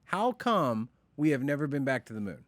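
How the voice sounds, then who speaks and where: A man's voice: mid-range voice, big pitch swings, normal speed, dry recording. Sarcastic young man, dry close sound. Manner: sarcastic, playful, mock-conspiratorial. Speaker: podcast co-host. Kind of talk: casual joking banter.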